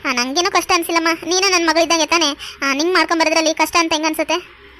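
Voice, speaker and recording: A doting cartoon aunt who chatters on and over-explains, as a woman voices her. Her voice is high, bright and quick. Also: fairly even intonation, a little hiss or hum. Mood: reassuring. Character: fussing middle-aged aunt, doting. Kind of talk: cartoon voice acting.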